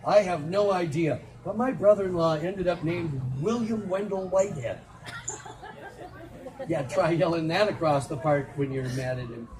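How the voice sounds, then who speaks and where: A middle-aged man doing live comedic storytelling on an outdoor festival stage, with animated, teasing banter aimed at the audience. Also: on the high side, moderate pace. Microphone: handheld phone in the audience. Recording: distant phone recording with crowd. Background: audience laughter.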